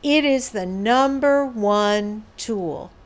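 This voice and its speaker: A woman's voice: fairly high pitch, extremely slow, slight background noise. A woman presenting a workshop to an audience, explaining patiently with everyday examples and asides. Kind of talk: educational talk on behaviour management.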